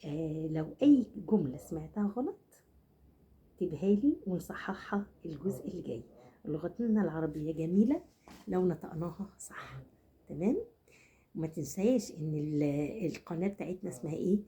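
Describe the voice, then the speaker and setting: A woman's voice: fairly low pitch, animated, brisk, warm tone. A woman with an Egyptian accent teaching correct Arabic in a casual, playful lesson, quizzing listeners with repeated questions.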